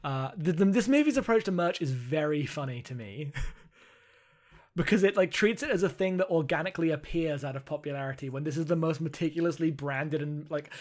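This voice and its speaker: A man with a fairly high voice, talking a little fast, co-hosts a podcast. He casually recaps an anime movie, rambling and amused, with plenty of filler words.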